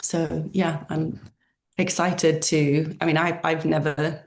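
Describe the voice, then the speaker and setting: A woman who grew up in Zambia, hosting an interview in a gentle, hesitant way with frequent ums. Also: deep voice, flat delivery, slow pace. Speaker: interviewer and host. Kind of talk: conversational interview.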